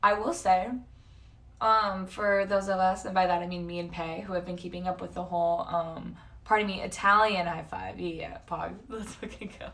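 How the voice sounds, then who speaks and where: Picked up by a distant mic, this woman in her early twenties, from San Jose, California and Toronto, Canada, chats loosely with livestream viewers in a North American accent, slangy and self-interrupting. Her lowish voice is flat with vocal fry and a fairly bright tone, and she keeps a moderate pace.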